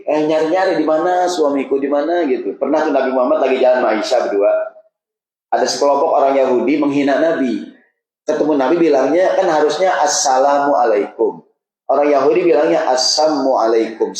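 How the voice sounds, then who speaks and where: A man's voice: on the high side, a little mellow. A man preaching a casual, humorous sermon, joking and asking the audience questions. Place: mosque hall. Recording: roomy mosque echo.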